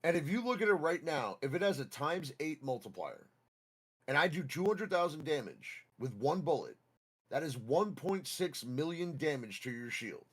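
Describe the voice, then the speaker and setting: A man's voice: fairly high pitch, sing-song, normal speed, slightly rough. A man explaining build damage numbers in a detailed, matter-of-fact way during a casual gaming discussion.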